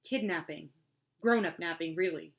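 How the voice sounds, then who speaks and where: An earnest, determined young girl, as a woman reading the book puts her on, trying hard to sound grown-up. The voice sits a little low. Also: moderate pace, gravelly.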